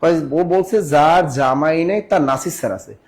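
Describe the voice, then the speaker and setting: A high-voiced man runs a live online exam-prep class. He quizzes his students, repeats each question and presses them to answer fast. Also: a little mellow. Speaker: teacher.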